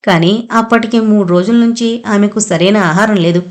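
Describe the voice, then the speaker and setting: A woman reading an audio novel aloud, narrating in a steady, even storytelling manner. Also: medium pitch, brisk.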